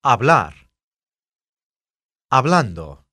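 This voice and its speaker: A man reading short model phrases for a language lesson, slowly and with careful enunciation. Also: mid-range voice, big pitch swings, pushed and bright. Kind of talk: scripted lesson drills.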